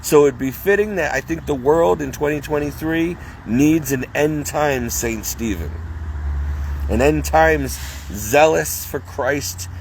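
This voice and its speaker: A man's voice: medium pitch, slight background noise, rough recording. A man vlogging outdoors in the cold, talking zealously and in a rambling way that keeps interrupting itself, and chilled from being out for hours. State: freezing cold. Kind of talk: casual religious vlog monologue.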